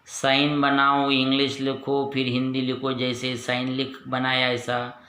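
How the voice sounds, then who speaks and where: A man's voice: mid-range voice, completely flat delivery, unhurried, bright, forceful tone, echoey room. A man teaching pupils, patiently repeating each point and asking then answering his own questions. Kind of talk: lesson for pupils.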